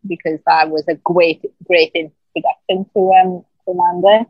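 A woman's voice: fairly low pitch, fairly even intonation, moderate pace, no echo, muffled recording. A woman co-hosting a podcast, chatting casually and laughing often as she reads out favourite quotes. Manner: giggly, reads out quotes from notes. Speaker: podcast co-host. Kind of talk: casual chat.

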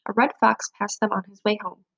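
A woman's voice: mid-range voice, flat delivery, a little fast, creaky, fairly bright tone, no room sound, poor audio. Woman reading a children's storybook. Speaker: storybook reader. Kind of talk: reading a children's picture book aloud.

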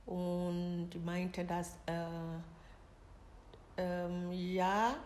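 A middle-aged woman from Ghana, a mother telling a personal story in halting, broken German full of pauses and fillers. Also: fairly low pitch, level tone, a little mellow. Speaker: interviewee, mother of the host. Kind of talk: personal story told in conversation. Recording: roomy echo with faint noise.

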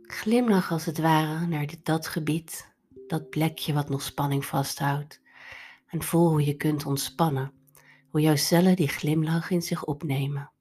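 A woman leading a guided meditation in a soft, breathy, soothing delivery over instrumental music. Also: sits low, fairly even intonation, measured pace.

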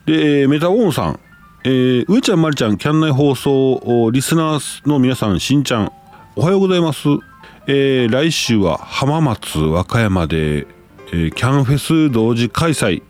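A man's voice: mid-range voice, animated, normal speed, a little mellow, soft background music. A man with a Kansai accent, hosting a casual live stream, reading listener messages aloud and exclaiming often as he reacts.

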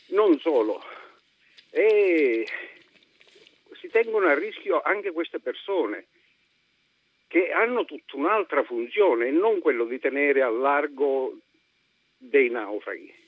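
A man from Arezzo calling in to a radio show by phone, ranting in an indignant, agitated way. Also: mid-range voice. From Arezzo, Italy. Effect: phone call heard over a radio broadcast. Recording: muffled lo-fi phone line.

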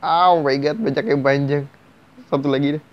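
A man's voice: a little high, steady tone, moderate pace. A man, a host giving blunt, frank advice on viewers' stories in casual slang. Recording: slightly dull lo-fi recording.

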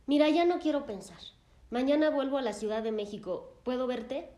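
A distraught grown man, halting and full of self-blame as he pours out his fears, as a woman puts him on. The voice sits fairly high and sounds mellow in tone, carried in a roomy, echoing space. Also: close to an everyday voice. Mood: distressed. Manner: anguished, self-blaming, halting. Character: distraught grown man, an anxious therapy patient.

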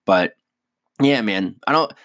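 A man's voice: lowish voice, lively intonation, slow, fairly bright tone, no room sound, studio quality. A man, a stand-up comedian, chatting casually and rambling with lots of swearing and self-deprecating asides. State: hiccups. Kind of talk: casual solo podcast chat.

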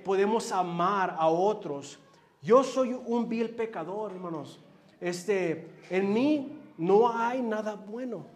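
A male preacher delivers his sermon at an unhurried, deliberate pace. His voice sits fairly high for a man, and he talks earnestly, leaning on filler words as he goes. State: dizzy.

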